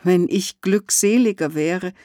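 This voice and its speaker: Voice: mid-range voice, a little slow, dark tone, no room sound, clean studio sound, close to an everyday voice. A reader voicing a proud, fierce young huntress in a solemn verse recital. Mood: torn, lamenting.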